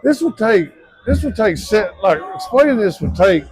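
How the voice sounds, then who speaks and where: A man with a fairly high, husky voice answers in halting speech, his grammar loose and casual. The sound is close and dry. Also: big pitch swings, darkish tone, no room sound. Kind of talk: casual debate.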